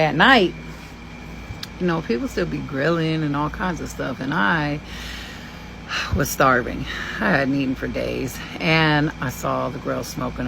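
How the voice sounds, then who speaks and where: A woman in her forties from Kentucky telling a story in a blunt, profane and animated way. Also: sits low, creaky, background noise. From Kentucky, USA. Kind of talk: casual storytelling.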